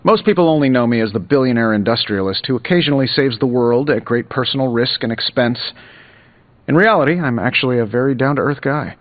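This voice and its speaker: A man's voice: medium pitch, brisk, close to an everyday voice. A man voicing a self-assured billionaire superhero inventor in a video game, breezy, sarcastic and boastful. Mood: wry, boastful. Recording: slightly dull audio under loud music.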